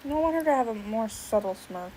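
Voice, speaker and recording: A woman's voice: fairly high pitch, animated, fast, warm tone, a little hiss or hum, low-quality recording. A young adult woman streamer chatting casually while she draws, thinking aloud and swearing now and then. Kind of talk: casual livestream chat while drawing.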